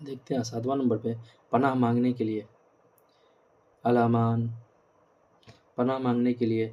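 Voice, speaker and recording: A man's voice: medium pitch, little pitch movement, lo-fi sound. A man teaching an Urdu grammar lesson, explaining step by step and repeating terms and examples.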